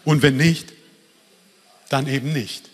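A man preaching a sermon in a lively, emphatic way, turning to the congregation with asides. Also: medium pitch, takes it slowly, slightly rough, long reverb tail. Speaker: pastor.

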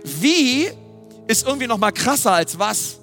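Guy preaching, high bright voice, lively and emphatic, bit of music underneath. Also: a little slow. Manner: lively, emphatic, with dramatic questions. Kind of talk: sermon.

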